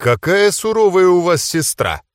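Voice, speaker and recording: A man's voice: high-pitched, very animated, unhurried, clear, resonant tone, no room sound, clean studio sound, voice pushed up. A man voicing a blunt, teasing young woman who is impatient in an audiobook.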